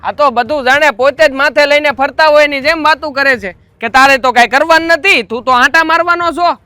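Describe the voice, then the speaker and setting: A man's voice: very high-pitched, a little fast, bright, forceful tone, no echo. An actor playing a jobless younger brother who taunts and accuses his elder brother, with a Kathiawadi Gujarati accent. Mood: bitter. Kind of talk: rural family drama acting.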